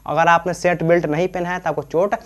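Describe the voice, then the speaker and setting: A man delivers a casual lesson explaining aviation terms, his fairly high voice fast and flat. Repetition runs through his teaching, along with questions he answers himself and frequent check-in tags.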